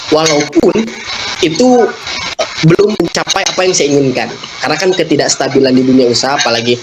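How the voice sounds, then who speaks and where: A young man in his twenties explains his business plans at length, stopping often to search for the next word. Heavy noise runs underneath his voice the whole time, and his pitch sits in the middle. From Indonesia. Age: 20s. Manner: expansive, explains at length with many pauses and fillers. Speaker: fish business owner. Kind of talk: interview answers. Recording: loud background noise.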